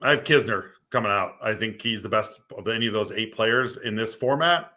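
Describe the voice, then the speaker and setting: A man who is a sports researcher, giving measured picks in a casual panel chat. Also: fairly low pitch, sharp tone.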